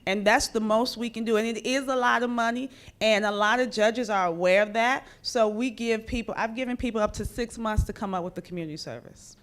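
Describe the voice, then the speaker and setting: A woman's voice: on the high side, a little fast, hardly any pauses. A woman judge and former public defender, explaining traffic law to a community audience in a plain, direct way. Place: community meeting room.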